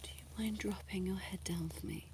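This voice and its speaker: A woman playing a flirty, coy female doctor in a whispered role-play, murmuring softly and intimately right in the listener's ear and slipping into whispers. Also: medium pitch, fairly even intonation, fairly quick, close to an everyday voice, low-quality recording. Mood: hushed, focused. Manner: coy, playfully bossy. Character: flirty, teasing female doctor giving a check-up.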